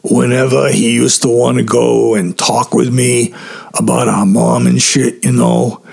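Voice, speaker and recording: A blunt young camper with a gravelly, husky voice, who talks in relaxed slang, as a narrator puts him on. His voice sits a little lower than plain talk. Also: measured pace, exaggerated voice. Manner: blunt, laid-back slang. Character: young man, blunt teen camper, gruff.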